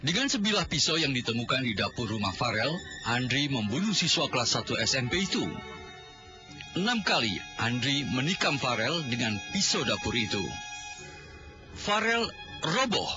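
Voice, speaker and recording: A man's voice: mid-range voice, sing-song, moderate pace. Dramatic male crime-news narrator. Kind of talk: scripted crime report narration. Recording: dull lo-fi TV audio with music. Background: music.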